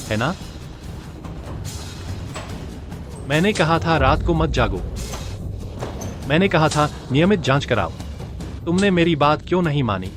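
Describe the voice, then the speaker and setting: A man's voice: on the high side, close to an everyday voice. A man voicing a grieving, scheming husband. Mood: anguished. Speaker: husband grieving his wife. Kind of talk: dubbed drama acting.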